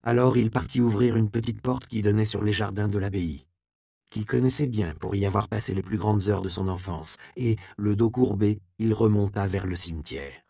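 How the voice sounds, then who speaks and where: A man narrating a historical novel in a steady, measured reading. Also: on the low side, creaky, no echo, studio quality. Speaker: audiobook narrator. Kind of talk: scripted narration.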